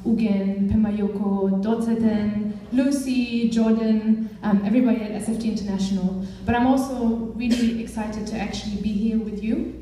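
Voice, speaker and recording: A woman's voice: medium pitch, fairly even intonation, normal speed, few pauses, dark tone, a little hiss or hum. A young woman from Germany, a campaigns director, giving an earnest speech to a live audience with many fillers. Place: large echoey hall. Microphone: far from the mic. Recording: echoey hall, voice from far off.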